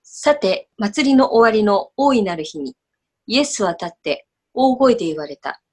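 Female service leader reading scripture, formal and measured, polite register. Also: mid-range voice, sing-song, darkish tone, slightly rough.

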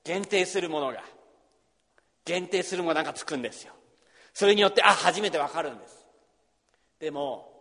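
Man preaching with loud-soft swings. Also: fairly high pitch, in a large hall. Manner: swings between loud emphasis and hushed near-whisper. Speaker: pastor. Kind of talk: sermon.

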